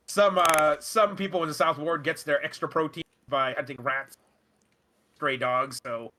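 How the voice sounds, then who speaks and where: A man improvising narration as game master, halting as he searches for words. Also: a little high, sharp tone.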